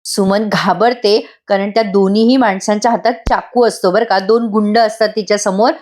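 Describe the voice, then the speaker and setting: A woman's voice: medium pitch, fairly even intonation, normal speed, a little mellow. A woman giving a chatty voice-over recap of a TV serial episode, speaking straight to her viewers. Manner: chatty, addresses viewers directly. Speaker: TV serial reviewer.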